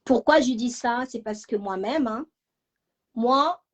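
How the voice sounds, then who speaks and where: A young woman telling a personal story to her live audience in a fast, animated way, with many repeated fillers. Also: on the high side. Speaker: live stream host.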